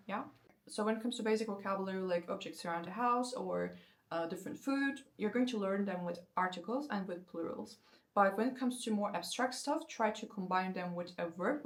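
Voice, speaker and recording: A twenty-something woman from Turkey, speaking her native Turkish in a mid-range voice, gives a relaxed, energetic to-camera talk on language learning. She chats conversationally but slows down to spell out example sentences.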